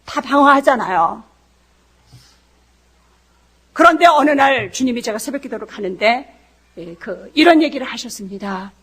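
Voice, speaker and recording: High-voiced woman preaching fervently. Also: slightly rough. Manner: impassioned, often shouting and laughing mid-sentence; blunt, earthy, uses crude slang. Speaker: missionary preacher. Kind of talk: fervent testimony sermon.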